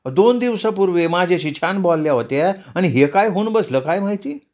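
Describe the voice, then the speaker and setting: A man's voice: high voice, expressive, a little fast, darkish tone, pitched above the performer's own voice. A man voicing a sympathetic woman neighbour who consoles, in a read-aloud story. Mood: consoling.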